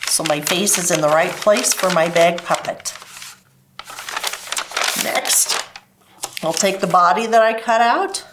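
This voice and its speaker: A woman's voice: lowish voice, takes it slowly, pauses often, very noisy. A woman hosting a children's library program, explaining stories and crafts to kids in simple step-by-step terms. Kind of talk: children's craft lesson and storytime talk.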